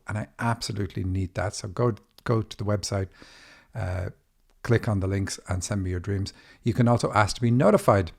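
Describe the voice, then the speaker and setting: Irish man, podcast host, low voice, gravelly and husky, casual quick talk. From Ireland. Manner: fillers and restarts, talks quickly. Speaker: podcast host and dream interpreter. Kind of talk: casual monologue.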